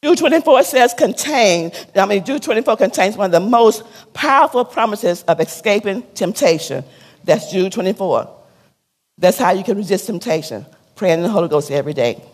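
A woman's voice: mid-range voice, animated, normal speed, slightly rough, big-room sound. A woman pastor preaching a sermon, asking her listeners questions and repeating her key points. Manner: preaching with call-and-response questions and repetition; drops to a soft, hushed tone when telling a sad story.

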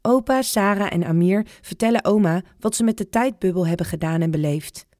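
A woman reading a children's storybook aloud in a clear, even storytelling manner. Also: medium pitch, a little fast, no echo, studio quality.

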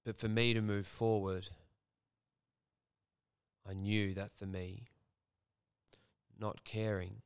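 A man's voice: lowish voice, fairly bright tone, clean tone, dry recording, clean studio sound. A young man, hosting a podcast and telling a personal story frankly, swearing freely. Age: young adult. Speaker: podcast host.

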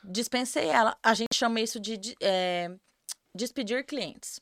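A woman's voice: on the high side, a little slow, fairly bright tone, no room sound, clean studio sound. A woman, a podcast guest telling her own story in a candid, earnest way and repeating words for emphasis. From Campo Grande, Brazil. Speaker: podcast guest, tanning professional.

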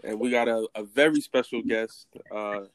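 A man's voice: mid-range voice, normal speed, no room sound. A man with a congested, nasal voice hosting a podcast in a casual, slangy way. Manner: informal street slang. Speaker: podcast host.

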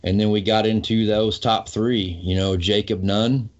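Easygoing low-voiced male co-host, casual chat, muffled recording. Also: steady tone, unhurried, a little mellow. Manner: easygoing, enthusiastic, says "you know" often. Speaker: co-host of fishing show. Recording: muffled lo-fi audio.

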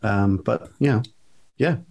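A man appears as a podcast guest, chatting casually in a jokey, playful, self-mocking way, recorded on a studio microphone with headphones in a home music studio. His voice is on the low side, gravelly and a little mellow, a little slow, with slight background noise.

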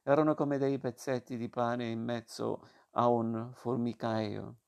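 A man reading a novel aloud as narrator, steady and measured. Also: medium pitch, gravelly.

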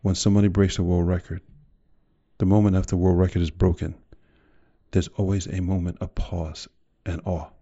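A man's voice: low-pitched, level tone, a little fast, pauses often, warm tone, breathy edge, lo-fi sound. A man delivering a motivational speech in an emphatic, direct way, full of rhetorical questions and repetition. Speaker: motivational speaker.

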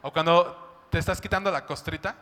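A man's voice: fairly high pitch, normal speed, pushed and bright, slight background noise. A man preaching a sermon, talking in a chatty way and often asking "¿no?". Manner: conversational, keeps asking "¿no?" and "¿sabes?". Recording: long hall reverb.

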